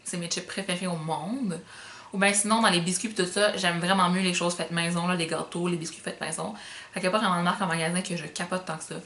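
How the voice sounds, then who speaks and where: A woman's voice: lowish voice, fairly even intonation, fast talker, a bit bright, echoey room, a little hiss or hum. A young woman from the Magdalen Islands with a light Québécois accent, chatting casually to camera, with lots of fillers and slang. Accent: Magdalen Islands Québécois French, light. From Magdalen Islands, Quebec. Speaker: vlogger.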